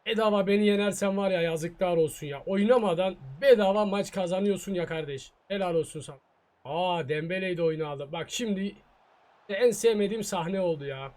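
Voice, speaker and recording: A man's voice: high voice, brisk, darkish tone. A gaming YouTuber reacting to his own soccer video game match, muttering in frustration and taunting his opponent. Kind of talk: live gameplay commentary.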